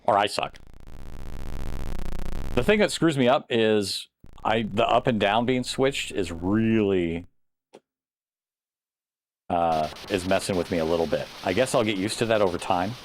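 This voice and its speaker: A man's voice: lowish voice, measured pace, long pauses. A man giving casual gameplay commentary in a self-deprecating, mildly frustrated mutter. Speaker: video game player commentating. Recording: noisy, game sound behind voice. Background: retro video game noise.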